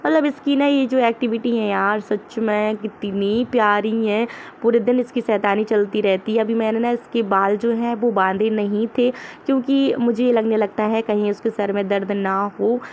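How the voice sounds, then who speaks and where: A woman's voice: on the high side, steady tone, moderate pace, darkish tone, a little hiss or hum. A young woman and mother narrating her family vlog in a homely, chatty voice-over, full of small fillers and restarts.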